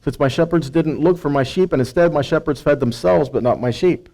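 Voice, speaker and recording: This American preacher's voice is slightly high, a bit fast, gravelly and dark. His talk is sermon-like Bible teaching in which he reads verses, explains them, asks rhetorical questions and keeps checking in with listeners using "right" and "okay."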